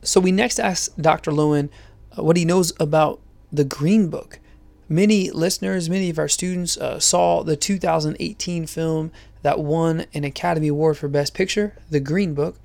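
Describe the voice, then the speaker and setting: A man's voice: fairly high pitch, steady tone, normal speed, vocal fry, darkish tone, no room sound. A man hosting an interview and setting up questions for his guest. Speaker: interviewer and host.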